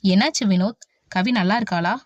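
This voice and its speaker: A hot-tempered young man who talks bluntly and forcefully, read by a woman narrator. The sound is dry and slightly dull, like a home audiobook recording. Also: high-pitched, normal speed, no room sound, natural voice. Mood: urgent.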